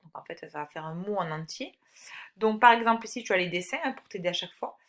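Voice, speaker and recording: A woman teaching a recorded phonics lesson to young children, patient and encouraging, pronouncing each word slowly and clearly. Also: mid-range voice, lively intonation. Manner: slow, clearly articulated word-by-word dictation. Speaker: primary school teacher.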